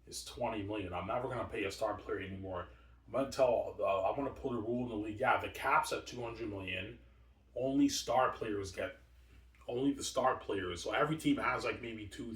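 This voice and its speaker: At a normal speed and in a lowish voice, a video host in his forties rambles on at length, repeating himself, stumbling over words, and answering his own questions. The room echoes and he sits far from the mic.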